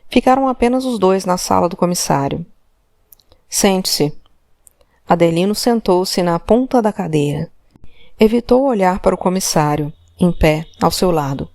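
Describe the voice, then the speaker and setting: A woman reading a crime story aloud as an audiobook narrator, measured and clear. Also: fairly low pitch, darkish tone, dry recording, studio quality. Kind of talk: scripted narration.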